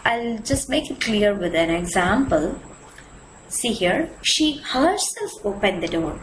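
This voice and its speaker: A woman's voice: mid-range voice, big pitch swings, slow, echoey room, a little hiss or hum, poor audio. A woman, teaching a grammar lesson and explaining patiently, step by step, with examples. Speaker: English teacher.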